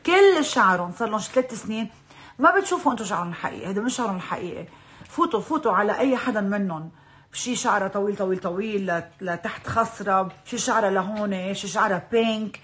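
A woman's voice: medium pitch, a bit bright. Chatty Lebanese woman mixing in English. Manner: chatty, mixes in English words, laughs often. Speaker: social media personality hosting a live stream. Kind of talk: casual chat on a live stream. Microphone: phone.

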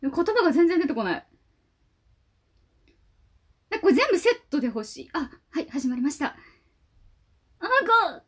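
A woman records a casual fan reaction to a music video. Her voice sits high and swings widely, and she gushes excitedly, half talking to herself. She keeps an informal, chatty style throughout. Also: moderate pace, long pauses. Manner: gushing, excitable, talks to herself.

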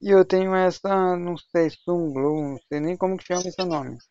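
A man's voice: sits high, fairly even intonation, moderate pace, dark tone, smooth. Slangy young man streaming games. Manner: slangy, chatty, talks to voice chat while playing. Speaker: gaming livestreamer. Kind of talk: casual live gaming chat. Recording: dull, lo-fi home stream mic.

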